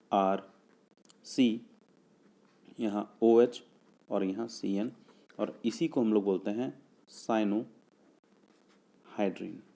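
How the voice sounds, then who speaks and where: A man's voice: on the low side, warm tone. A man teaching a chemistry lesson for exam students, explaining step by step and asking and answering his own questions. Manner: checks understanding with "clear?" and "okay"; slows down to spell out formulas piece by piece.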